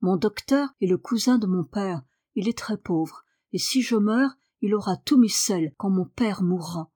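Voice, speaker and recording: A woman's voice: mid-range voice, expressive, measured pace, warm tone, no room sound, studio quality. A woman reading an audiobook voices a sickly boy who speaks in a weary, sullen way. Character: sickly boy, moody and listless.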